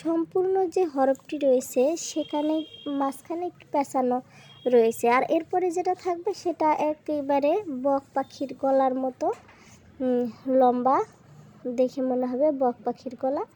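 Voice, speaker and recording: A woman's voice: high-pitched, measured pace, dark tone. A woman teaching Quran reading to children in a voice-over lesson, patiently spelling out each syllable and repeating it. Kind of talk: slow spelling-drill lesson narration.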